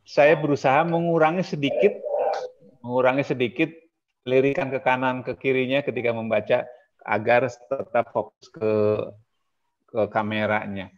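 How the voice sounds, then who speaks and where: A man's voice: medium pitch, moderate pace. Chatty man trainer on a call. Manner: relaxed, chatty, self-deprecating. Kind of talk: casual webinar talk. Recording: slightly dull lo-fi sound.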